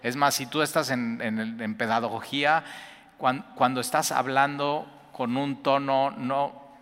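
A man preaching an earnest sermon, repeating words and rising in pitch to stress his points. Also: fairly even intonation, unhurried, fairly bright tone. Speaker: pastor. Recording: long hall reverb.

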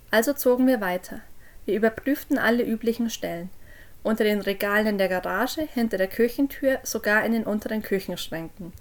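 A woman narrating a creepy first-person story for a podcast, dropping low and quiet on the eerie moments. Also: creaky. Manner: drops low and quiet on eerie lines, raises voice for called-out quotes. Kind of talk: scripted horror story narration.

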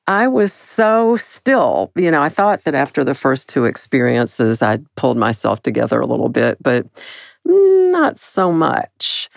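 An older woman with a very deep, gravelly voice tells a personal story. She is animated and self-mocking, and her pitch jumps high at dramatic moments. The sound is dry and close, with no room around her. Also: no room sound.

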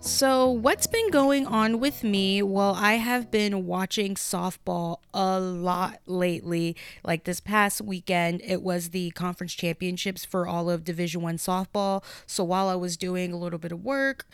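A woman's voice: lowish voice, steady tone, unhurried, hardly any pauses, smooth, no room sound, faint music behind. Woman podcaster with a lisp, clean dry sound. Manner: informal, peppered with "like" and "you guys". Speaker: podcast host. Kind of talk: casual chatty solo podcast.

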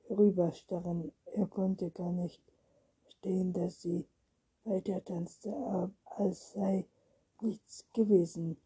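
A woman reading a children's book aloud, in a halting way, with frequent stumbles and restarts, often half-whispered. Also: lowish voice, warm tone, breathy edge, low-quality recording.

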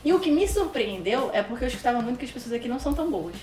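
A Brazilian woman in her thirties with a Brazilian Portuguese accent, a podcast guest telling stories in a casual, slangy, animated way and acting out the dialogue. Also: a little high, racing. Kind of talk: casual storytelling chat. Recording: roomy, distant mic, faint music.

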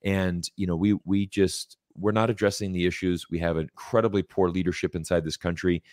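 A man's voice: low-pitched, flat delivery, a little fast, darkish tone, no echo, studio quality. An American man in his forties talking casually in an interview, emphatic and repetitive, often restarting his phrases. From United States. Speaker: guest commentator.

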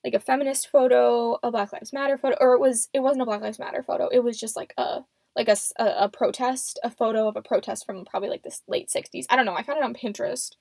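A woman's voice: on the high side, fairly even intonation, quick pace, gravelly, darkish tone, dry recording. A seventeen-year-old young woman hosting a casual, unscripted solo podcast in a rambling, self-deprecating way, recorded close and muffled in a closet. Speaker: podcast host. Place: small closet at home. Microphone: microphone.

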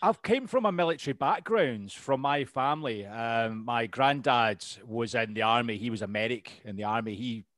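In a relaxed interview, a Scotsman in his thirties, an RAF veteran guesting on a podcast, rambles along with lots of ums and restarts, laughing easily and hardly pausing. His middle-pitched, slightly bright voice keeps a moderate pace, recorded close and dry with no echo.

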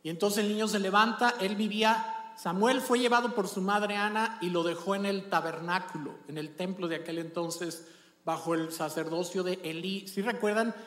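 A male pastor giving a sermon in an animated, conversational way, checking often that the congregation follows. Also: high voice, normal speed. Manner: animated, conversational storytelling with rhetorical check-ins. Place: church. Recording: echoey church hall.

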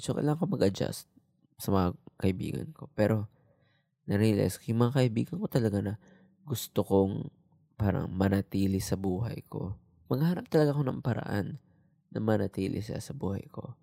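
A young man talks in a low, relaxed, reflective way, as if he were confiding in the listener. His voice is dark and gravelly with creak, and his pitch sits low. The sound is dry and close, with no room behind it. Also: dry recording. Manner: soft, low, relaxed talk that mixes Tagalog and English, with frequent "di ba?". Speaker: vlogger. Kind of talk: casual reflective monologue.

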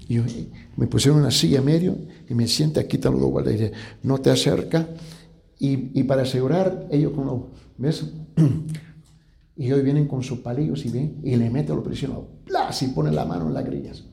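A man, a pastor, preaching a testimony story, sometimes dropping to a hushed voice. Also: mid-range voice, fairly quick, gravelly. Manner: drops to a hushed voice at grave moments. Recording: echoey room.

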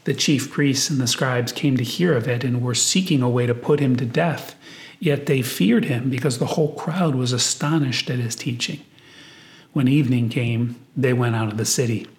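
In the manner of a priest, a mid-pitched man leads a guided meditation at normal speed. His delivery is prayerful and reflective as he takes his time with prayer and scripture.

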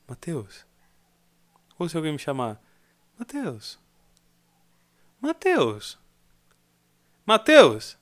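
A young Brazilian man giving a casual singing lesson, explaining and singing short demo phrases. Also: medium pitch. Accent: Brazilian Portuguese. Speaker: singing teacher.

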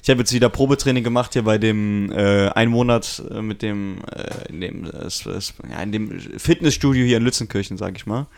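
A young man, co-hosting a podcast in casual chat, telling stories in a slangy, animated way. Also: on the low side, brisk, gravelly, few pauses. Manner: slangy, animated storytelling with laughs. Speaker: podcast co-host.

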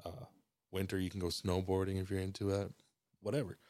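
A man from Mexico, a podcast guest, talking in a relaxed, rambling way with lots of fillers and restarts. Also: low-pitched, brisk, dry recording, studio quality. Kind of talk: casual podcast chat.

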